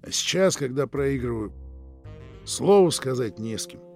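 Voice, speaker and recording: A man voicing a reckless, excitable French drunk who shouts and blusters in a storybook reading. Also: mid-range voice, moderate pace, vocal fry, faint music behind. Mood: wistful.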